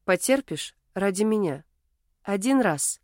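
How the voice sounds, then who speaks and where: A woman's voice: medium pitch, expressive, unhurried, a little mellow, no room sound, studio quality, lightly acted. Woman murmuring as a drunk, pushy young man. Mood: coaxing. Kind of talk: audiobook character voice.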